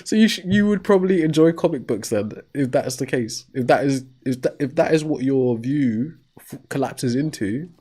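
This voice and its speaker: In an expressive, warm mid-range voice at a moderate pace, a call-in show host spars with a caller. He is argumentative and cuts in with rhetorical questions, often a "right?"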